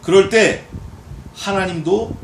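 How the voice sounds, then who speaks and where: Animated Korean pastor preaching in an echoey church. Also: male voice, high-pitched, slow pace, vocal fry, a little hiss or hum. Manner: animated preaching, acting out God's voice in dialogue. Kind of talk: expository sermon. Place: church sanctuary. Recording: echoey church hall, distant mic.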